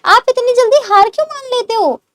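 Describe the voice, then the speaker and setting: A woman teaching English words, explaining in Hindi and modelling slow English sentences for learners to repeat. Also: very high voice, animated, no room sound. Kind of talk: spoken English lesson.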